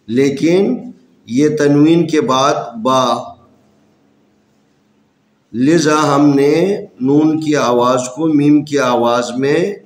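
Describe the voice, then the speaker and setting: A man with a Pakistani Urdu accent gives a slow Quran reading lesson, spelling out letters and vowel marks one at a time. His voice is medium-pitched and the sound is roomy.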